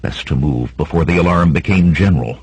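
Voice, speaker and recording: A man narrating an adventure audiobook in a steady, measured way, with a husky voice, recorded close to the mic. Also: no echo, poor audio. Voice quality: deep and husky. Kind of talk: scripted narration.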